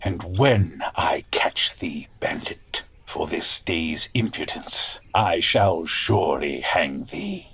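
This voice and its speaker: A man's voice: sits low, expressive, takes it slowly, gravelly, few pauses, fairly bright tone, husky, full character voice. A man playing a haughty, blustering villainous sheriff in a comedic audio drama, speaking in pompous archaic English with threats. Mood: indignant.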